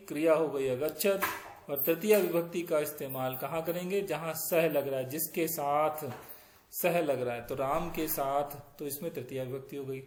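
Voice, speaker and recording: A man teaches Sanskrit grammar in a slow, patient way, building up each example step by step. His voice sits a little high for a man. The recording is roomy, with a clear echo around him. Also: a little mellow. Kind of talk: grammar lesson, explaining in Hindi.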